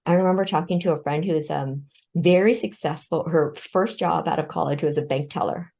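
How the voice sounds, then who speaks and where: A deep, warm, creaky voice delivered briskly belongs to a woman born in Vietnam and raised in the United States. As a guest expert on respect in a conversational interview, she backs her points with studies and personal anecdotes, laughing lightly between them.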